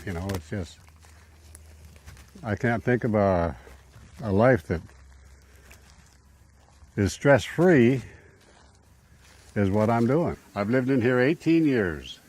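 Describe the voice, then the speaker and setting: A man's voice: fairly low pitch, expressive, slow, long pauses. An older man talking in an easygoing, rambling, folksy way about living full time on the road, speaking from inside his travel trailer. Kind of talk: casual conversational storytelling. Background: loud guitar music.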